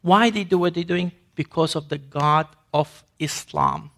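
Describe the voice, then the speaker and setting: Man, slightly high voice, gravelly fry, emphatic public talk, halting phrasing. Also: fairly bright tone. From Sudan. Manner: emphatic, non-native grammar, frequent restarts. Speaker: ministry speaker. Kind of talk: public presentation to an audience.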